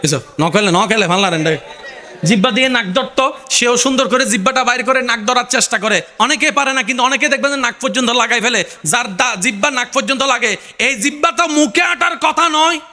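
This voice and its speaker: A man preaching a sermon to a crowd, often shouting and calling on the listeners to answer him. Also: fairly quick. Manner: calls on the crowd to respond; often shouts in a high, strained pitch.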